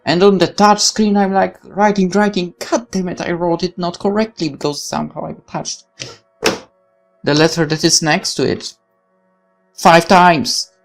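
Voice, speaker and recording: Her voice fairly low and steady, a woman reads visual novel text at a measured pace while soft music plays behind her. As a let's player, she interrupts herself with blunt, opinionated side remarks, exclamatory and free with her swearing.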